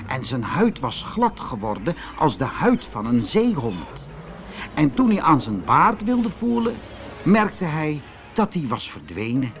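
A man from the Netherlands reading a fairy tale aloud in an expressive, measured storytelling manner. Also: on the high side.

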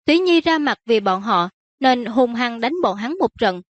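A woman voicing a spirited young princess, pleading with her father in a high, wheedling voice. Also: animated, normal speed, no room sound, muffled recording, close to an everyday voice. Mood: indignant.

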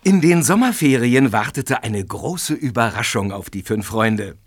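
A man's voice: mid-range voice, expressive, measured pace, faint music behind. A man narrating a scripted children's adventure audio drama.

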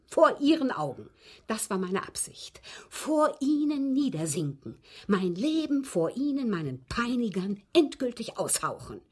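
The mood is solemn and pleading as an actress in a German radio drama plays a well-bred woman, a victim of abuse, confessing a poisoning to the police. She uses a husky, breathy, medium-pitched voice with a darkish tone, speaking deliberately and emphatically.

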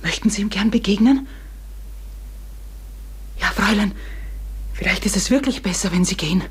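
In a German radio drama, an actress portrays a middle-aged farmer's wife who is anxious and secretive. Her mid-range female voice comes out husky, hushed and halting. The mood is uneasy and foreboding.

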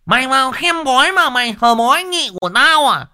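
A man's voice: very high voice, lively intonation, fairly quick, sharp tone, clean tone, voice pushed up, exaggerated voice. A man voicing a furious jealous woman who screams curses while swinging a hammer, in a storytelling reading. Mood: furious screeching. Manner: screeching, furious, cursing.

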